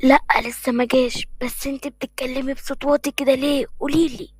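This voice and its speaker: Woman doing a stern scolding Egyptian mom, high voice, dry close sound, for a storybook cartoon. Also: little pitch movement, quick pace, slightly rough, no room sound. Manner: scolding, mock-threatening. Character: stern mother, scolding and threatening.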